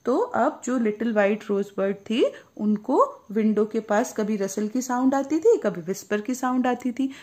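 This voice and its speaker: A woman's voice: a little high, expressive, moderate pace, few pauses, darkish tone. A woman teacher reads an English story and explains it in Hindi, going over words patiently and calling her listeners child.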